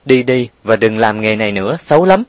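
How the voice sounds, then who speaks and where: A man reading an audiobook and voicing a poor, gentle old mother in a wheelchair, kindly and gently scolding. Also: lowish voice, lively intonation, brisk, no echo, lightly acted. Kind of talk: audiobook character voice.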